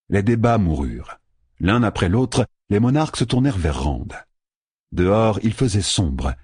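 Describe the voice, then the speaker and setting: A man narrating a fantasy audiobook with expressive storytelling, often dropping low for suspense. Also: breathy edge, dry recording, clean studio sound.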